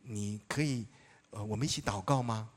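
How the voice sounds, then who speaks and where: A middle-aged male pastor preaching a sermon, telling personal stories in a lively way, acting out dialogue and often laughing. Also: on the low side, normal speed.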